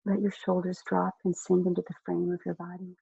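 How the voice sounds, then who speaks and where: Hypnotist for a guided relaxation read: soft, unhurried, mellow and dark tone, dry close sound. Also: mid-range voice, monotone, gravelly, slightly rough, no room sound, muffled recording. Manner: slow, soft, soothing instructions with long pauses.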